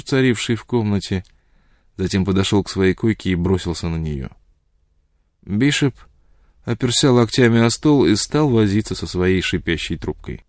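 A man narrating an audiobook in a measured, steady reading style on a close mic. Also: lowish voice, no room sound. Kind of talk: scripted narration.

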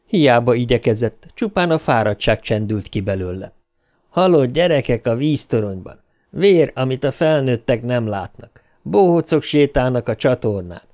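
A male audiobook narrator with a mellow, warm tone. He reads in a measured, even storytelling manner at a middle pitch.

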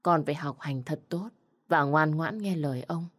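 In a spoken story, a woman plays a gentle, sorrowful young mother, speaking softly and tearfully. Her voice is low and her speed normal.

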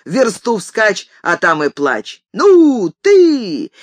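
A scrappy poor cabbie , as a woman narrator puts him on, talks back to the flashy drivers with cheeky defiance. He drawls his retorts, the pitch bouncing high. A close, dry storybook reading. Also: animated, measured pace, fairly bright tone, dry recording. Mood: defiant. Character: plucky poor male cabbie in a worn coat, cheeky.

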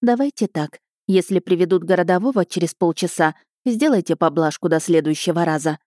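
A stern, composed widow necromancer who speaks in curt, calm commands, as a woman reader voices her. The voice is low and mellow, dry and close in a storybook telling. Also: a little fast, dry recording, close to an everyday voice.

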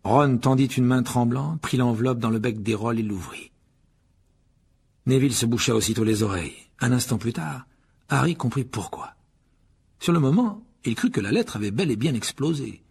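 A man's voice: medium pitch, animated, normal speed, vocal fry, darkish tone, slightly rough. A man reading a children's novel aloud as an audiobook narrator, telling the story expressively. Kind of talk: scripted narration.

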